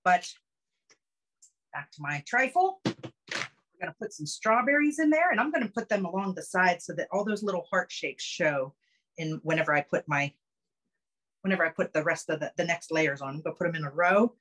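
A woman's voice: lowish voice, animated, fairly quick, pauses often, a bit bright. A middle-aged woman giving a chatty, upbeat cooking demonstration from her home kitchen, explaining each step. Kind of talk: casual cooking demo on a video call. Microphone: phone camera close up.

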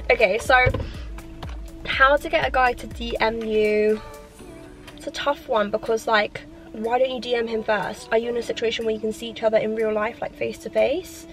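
A woman, chatting casually while eating in a mukbang Q&A, filling her talk with "like" and sometimes speaking with her mouth full. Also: a little high. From London, England. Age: 20s. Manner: chatty, leans on "like" constantly. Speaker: YouTuber.

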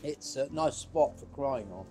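A man's voice: medium pitch, lively intonation, unhurried, dark tone, soft background music. A man, chatting reflectively and a little hesitantly outdoors as he shows someone around a town. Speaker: town crier giving an interview. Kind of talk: casual walking chat. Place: outdoors on a town high street.

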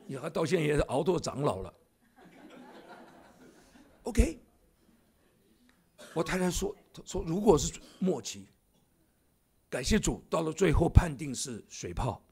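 A man's voice: on the high side, gravelly, darkish tone, breathy edge. A man in his seventies, a church elder, preaching a sermon in a church with jokey asides to the congregation. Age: 70s.

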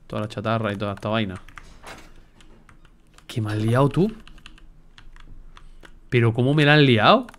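Swearing, excitable gameplay streamer man. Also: medium pitch, normal speed, pauses often. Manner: excitable, swears a lot, talks to himself. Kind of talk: casual gameplay commentary.

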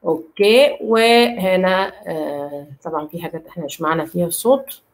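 A woman with an Egyptian Arabic accent teaching Italian, repeating words slowly and often checking that her students follow. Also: low voice, animated. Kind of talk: online language lesson.

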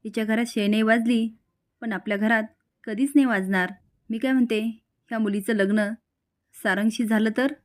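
A woman's voice: a little high, steady tone, normal speed, close to an everyday voice. A woman reading the lines of a bitter, scheming older woman in a serial recap.

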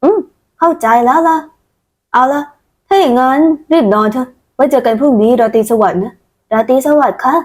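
High-voiced woman narrating a manga. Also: darkish tone. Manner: switches between character voices. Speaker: narrator voicing all characters. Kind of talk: manga recap storytelling.

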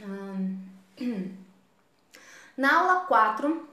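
A woman's voice: fairly high pitch, very animated, drawn-out words, pushed and bright, reverberant. A Brazilian woman teaching a live online guitar class, explaining each step patiently. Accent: Brazilian Portuguese. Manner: patient, explains step by step, vocalizes strumming beats.

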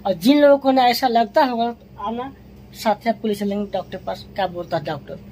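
A woman's voice: on the high side, a little fast, darkish tone, slight background noise, low-quality recording. A woman vlogger speaking to her viewers in a casual, matter-of-fact and reassuring way. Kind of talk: casual vlog talk to viewers.

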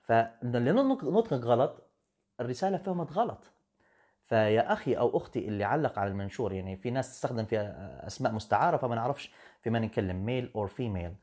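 A man's voice: mid-range voice, lively intonation, fast, darkish tone. Firm lecturing man. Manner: firm, lecturing, switches into English. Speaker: English teacher. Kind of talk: live-stream talk answering comments.

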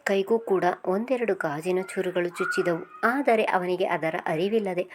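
A woman reading a serialized novel aloud with steady, emotive storytelling. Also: lowish voice, unhurried. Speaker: narrator.

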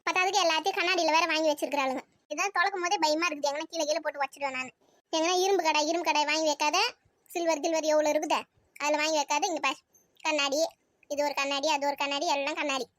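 A woman's voice: high voice, steady tone, fast talker, fairly bright tone, no echo, studio quality. A woman in a comic family skit, grumbling and complaining about chores.

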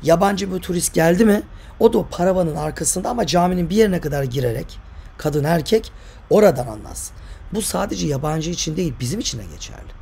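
Casting: older male guide, dark gravelly voice, opinionated vlog rant, faint noise behind. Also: fairly high pitch, expressive, fast talker. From Turkey. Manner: emphatic, argumentative, rhetorical questions. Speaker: tour guide and author.

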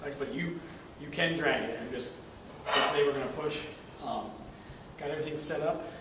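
Against a noisy background, a man in his thirties runs a casual, hands-on welding equipment demo, talking as he works in a curtained corner of a welding shop. His voice sits on the high side, at an ordinary speed.

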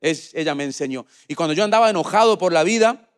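A male pastor with a Paraguayan Spanish accent delivers a sermon in a fairly high voice. He moves from hushed, low-key stretches to loud, emphatic exhortation and repeats key phrases for effect. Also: expressive, fast talker.

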